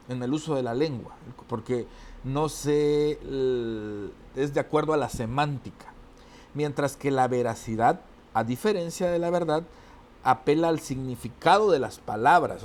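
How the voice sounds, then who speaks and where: A male teacher with a mid-range, somewhat dark voice delivers a spoken lecture on oratory. He explains things step by step, often checks in with tag questions, and restarts his phrases.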